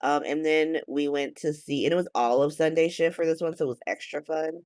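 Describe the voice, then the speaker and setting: A woman in her late thirties hosting a podcast, chatting casually in a rambling, animated way that is full of swearing and laughs, and sounding tired. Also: deep voice, fairly quick, dry recording. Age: 30s. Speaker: podcast host. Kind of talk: casual chat recap.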